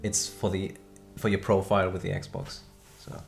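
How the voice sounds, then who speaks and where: Male developer host, very deep voice, hesitant and repetitive. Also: completely flat delivery, moderate pace, creaky, faint music behind. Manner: hesitant, repeats words, restarts often. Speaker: game developer and stream co-host. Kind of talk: casual chat during a live game stream.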